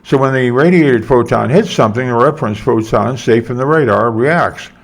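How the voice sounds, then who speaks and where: A man's voice: mid-range voice, moderate pace, lightly acted. An older man voicing an irritated male government engineer explaining things.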